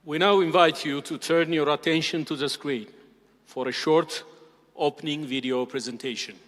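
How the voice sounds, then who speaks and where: A man's voice: fairly high pitch, fairly even intonation, normal speed, a bit bright. A man acting as master of ceremonies, announcing the next item in a polite, formal way. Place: large conference hall. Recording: distant mic with long hall reverb.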